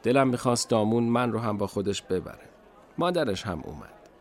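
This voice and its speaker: A man narrating a children's radio storybook slowly and expressively. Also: on the low side, very animated.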